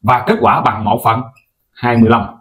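A man explaining a math lesson to viewers in a lively, coaxing way, speaking to them directly. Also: mid-range voice, moderate pace. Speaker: math teacher.

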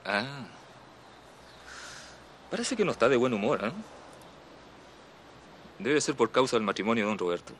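A nosy, sly house servant. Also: male voice, mid-range voice, expressive, measured pace, long pauses, fairly bright tone, a little hiss or hum. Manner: insinuating, chuckling. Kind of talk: telenovela acting.

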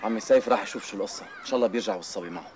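A man playing a nervous, fast-talking nephew. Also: on the low side, darkish tone, a little hiss or hum, lightly acted. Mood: uneasy. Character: uneasy young nephew reporting bad news. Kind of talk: TV drama acting.

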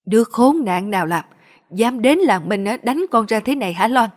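A woman's voice: a little high, lively intonation, normal speed. A woman reading a story aloud, voicing a middle-aged village man who speaks bluntly and angrily. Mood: furious. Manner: blunt, fiery. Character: gruff angry middle-aged village uncle.

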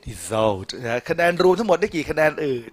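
A middle-aged man, an English tutor, interviewing a student about her test scores in a lively, teasing classroom manner, switching between Thai and English. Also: medium pitch, a little fast. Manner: animated, teasing, praising, addresses audience.

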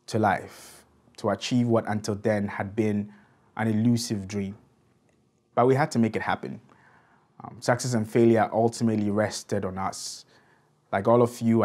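A man, a graduate, delivering a steady, formal graduation speech, recorded indoors facing the camera. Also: lowish voice. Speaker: graduate speaker. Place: plain indoor backdrop, in cap and gown.

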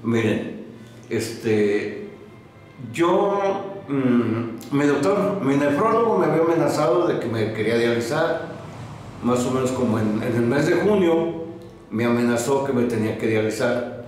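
A man in his sixties speaks haltingly, stopping and restarting his sentences. His voice sits at an ordinary pitch, and it rings through a very echoey small office with a faint hiss of background noise. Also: animated, darkish tone. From Mexico. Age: 60s. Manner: hesitant, many fillers and restarts. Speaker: patient giving a testimonial. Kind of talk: interview. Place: small medical office, indoors.

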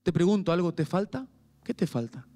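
A male pastor with a high-pitched voice preaches briskly and very animatedly at church, his Paraguayan Spanish accent clear. The sermon veers between quiet pleading and raised intensity.

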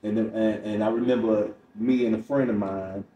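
A fairly low, dark voice with fairly even intonation and cut-off highs belongs to a middle-aged stand-up from Chicago, United States. As a podcast interview guest he tells stories at a moderate pace, voicing the dialogue, picked up by a distant, roomy mic with faint noise.

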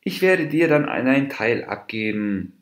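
A man's voice: medium pitch, lively intonation, measured pace, voice pushed up, lightly acted. A man voicing a wrathful, stubborn male mouse deer from a fable, speaking firmly and snapping. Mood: angry. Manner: angry, firm, snapping. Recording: roomy echo.

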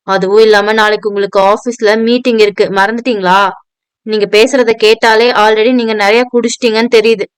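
A woman's voice: a little high, flat delivery, a little fast, clean tone, no echo, natural voice. A woman voicing a patient, weary young male assistant pleading with his drunk boss.

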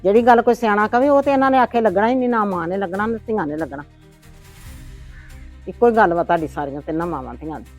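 A woman's voice: mid-range voice, animated, fast, faint music behind, close to an everyday voice. A woman playing a nagging old grandmother. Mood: scolding. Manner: complaining, lecturing, sharp-tongued. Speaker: grandmother in a family drama. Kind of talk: homemade family drama acting.

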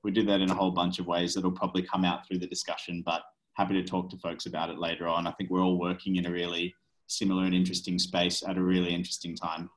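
Aussie guy on a zoom panel, low voice, easygoing. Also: fast, rough recording. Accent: Australian. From Australia. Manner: relaxed, self-deprecating. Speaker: panelist, HR consultant. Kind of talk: panel discussion over video call. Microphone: video call.

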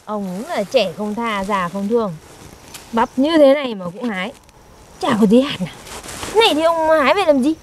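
A woman's voice: a little high, expressive, moderate pace, slight background noise. A young woman, performing in a scripted comedy skit and teasing and scolding her partner in an exaggerated way. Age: young adult. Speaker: comic actor.

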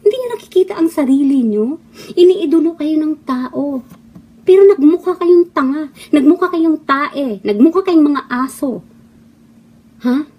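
Speaking from abroad, away from the Philippines, a middle-aged Filipina former actress launches into an impassioned, scolding rant full of mocking rhetorical questions. Her voice sits high and mellow, with lively intonation and a slightly slow delivery.

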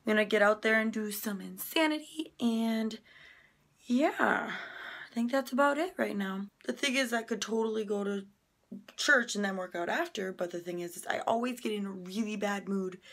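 A young woman in casual vlog chat at home, talking into a phone held at arm's length, chatty and rushed, often dropping into a whisper. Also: mid-range voice, fairly bright tone. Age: young adult. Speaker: vlogger. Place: home bedroom, indoors.

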